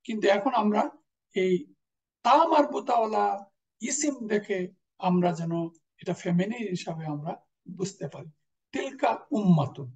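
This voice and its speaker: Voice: medium pitch, darkish tone. A teacher, patiently explaining grammar and repeating each example word. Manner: patient explanation, repeats example words, mixes in English terms. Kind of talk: classroom lecture. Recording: voice distant from the mic.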